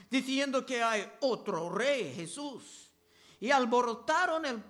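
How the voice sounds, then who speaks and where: A man preaching a sermon, reading scripture verses aloud and explaining them slowly and deliberately. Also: very high-pitched. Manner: slow, deliberate delivery, raising voice for quoted crowd shouts.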